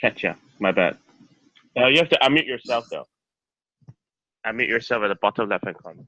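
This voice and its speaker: A man with a low voice chairs an online speaking-club meeting and introduces each member in turn. His speech is polite and steady. The audio is a dull, dry video-call feed. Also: a little fast, dry recording. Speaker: meeting president.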